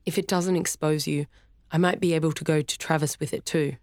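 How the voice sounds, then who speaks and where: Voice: mid-range voice, fairly even intonation, fairly quick, darkish tone, no echo, close to an everyday voice. A narrator voicing an earnest, protective young woman who explains things plainly, in a dry recording.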